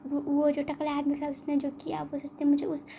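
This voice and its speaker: A woman's voice: high voice, completely flat delivery, normal speed, vocal fry, dark tone, slight background noise. A woman doing a defiant villainess noblewoman. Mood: resolute. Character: haughty fearless villainess noblewoman, young.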